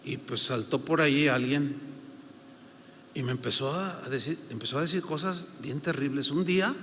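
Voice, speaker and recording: A man's voice: medium pitch, normal speed, fairly bright tone. An older man with a Mexican accent preaching a sermon as a pastor, telling stories in a conversational way with many fillers. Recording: long hall reverb, faint noise.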